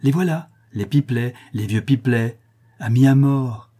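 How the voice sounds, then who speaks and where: A loud, jolly old concierge woman hails a friend, as a male reader puts her on. He pushes his voice far higher than his own for her, and the delivery is boisterous and chatty. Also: moderate pace, husky, close to an everyday voice. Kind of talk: audiobook character voice.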